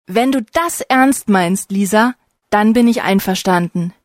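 A woman's voice: medium pitch, measured pace, no echo, studio quality, lightly acted. A woman voicing a friendly young man.

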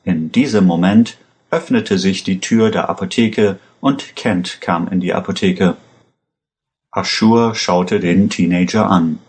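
A man narrating a story aloud in a slow, measured reading. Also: on the low side.

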